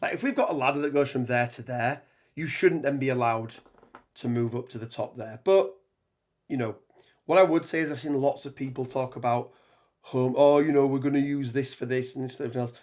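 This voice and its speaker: A tabletop gaming streamer, hoarse from a cold, chats casually on a live stream while building terrain. He rambles, restarts sentences, fills gaps with ums and reads chat aloud. His pitch is mid-range and his voice a little mellow.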